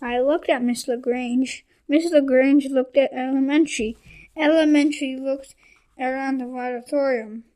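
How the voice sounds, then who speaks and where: High-voiced woman reading a children's book. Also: fairly even intonation, moderate pace, warm tone. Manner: reading with frequent restarts and self-corrections. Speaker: audiobook reader. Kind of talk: children's audiobook narration.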